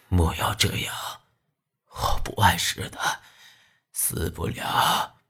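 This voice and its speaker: A man voicing an injured old fortune-teller in an audiobook, speaking with a lilt. The voice is low, creaky and husky, and each word comes out very slowly and without strength. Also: a bit bright, exaggerated voice. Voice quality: creaky, breathy and weak. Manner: slow, faint, short of strength.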